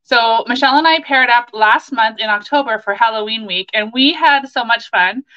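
A woman's voice: a little high, moderate pace, highs cut off. A woman in her forties with a Canadian accent, chatting enthusiastically as she hosts a casual craft tutorial livestream from a home office. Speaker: craft demonstrator and livestream host. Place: small home office, indoors.

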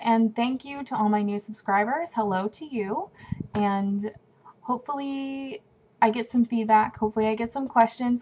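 A woman's voice: fairly high pitch, darkish tone, rough recording. A young woman from California, chatting into a webcam at home with a runny nose, rambling with lots of fillers and restarts. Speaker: vlogger. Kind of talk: casual talking-to-camera vlog. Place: at home indoors.

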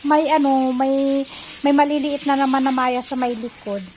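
A woman's voice: high-pitched, level tone, normal speed, darkish tone, poor audio. A woman chatting casually in a home vlog, narrating outdoors in her garden while recording on a phone. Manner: chatty, mixing Tagalog and English. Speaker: vlogger. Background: faint outdoor ambience and tractor noise.

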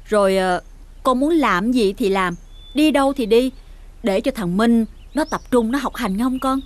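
A woman's voice: on the high side, moderate pace, a little hiss or hum, close to an everyday voice. A middle-aged actress with a Southern Vietnamese accent, playing a caring aunt in a TV drama, coaxing and motherly. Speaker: aunt taking in orphaned nephews. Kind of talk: TV drama acting. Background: soft background music.

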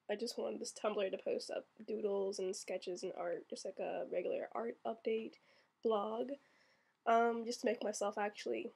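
A woman's voice: mid-range voice, vocal fry, a little mellow, breathy edge. A woman in her twenties from Florida, chatting casually in a vlog, with lots of ums as she reads out a word list. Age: 20s. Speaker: vlogger. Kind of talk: casual accent-tag vlog.

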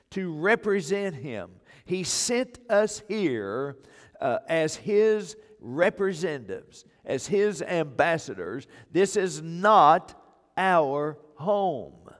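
A man's voice: a little high, big pitch swings, extremely slow. An older man preaching a sermon as pastor, pressing his points with repeated phrases, on a church stage on a wireless mic. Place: church sanctuary stage, indoors. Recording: long reverb of a church hall.

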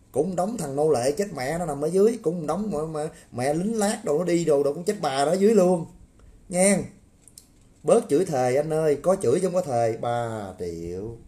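A man's voice: on the high side, warm tone. A man ranting crudely on a livestream, mocking and swearing, often asking viewers to agree. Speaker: political commentator. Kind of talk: livestream rant.

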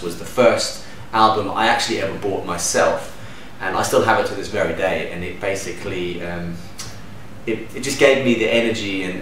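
Sitting indoors in his home living room, a low-voiced man in his thirties from Denmark, who works as a DJ and producer, answers interview questions to camera. He's relaxed and enthusiastic and talks with his hands, while the distant mic picks up room echo and a faint hum.

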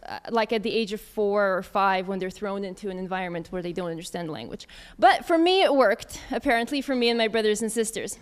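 Woman in her thirties, conference talk, smooth clear voice, a touch high, chatty with fillers. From Russia. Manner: casual and chatty, many fillers and restarts. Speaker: conference speaker, English teacher. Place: conference hall.

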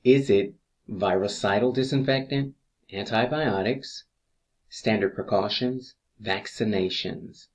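This is a man with a fairly low-pitched voice, acting as an instructor while reading from a script of exam review questions. His delivery is deliberate, with a pause after every answer choice.

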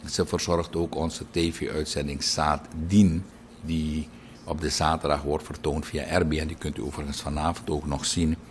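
A middle-aged man presenting birthday announcements on the air, chatty and lively, wandering off into little anecdotes. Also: extremely low pitch, normal speed, a little hiss or hum. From Suriname. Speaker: radio and TV presenter.

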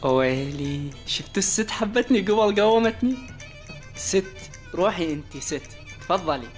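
A man's voice: high voice, animated, moderate pace, soft background music. A man with an Iraqi accent playing a cheeky student who plays dumb in class. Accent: Iraqi Arabic. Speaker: student in a sketch.

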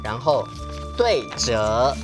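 A man's voice: medium pitch, very animated, drawn-out words, music in the background. A young man with a Taiwanese accent hosting a children's origami lesson, speaking simply and coaxingly as if to toddlers. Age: young adult. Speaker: children's show host. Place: television studio.

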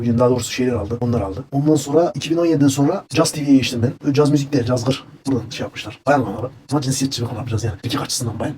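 Fast-talking man ranting conspiratorially. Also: medium pitch, dark tone, a little hiss or hum. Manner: rambling, conspiratorial. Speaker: comedic ranting storyteller. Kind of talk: comedic rant.

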